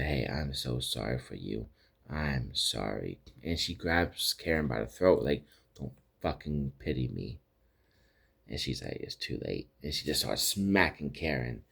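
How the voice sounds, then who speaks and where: Male podcast host, very low voice, loose rambling episode recap. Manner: rambling retelling with many restarts and quoted lines. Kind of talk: casual recap chat.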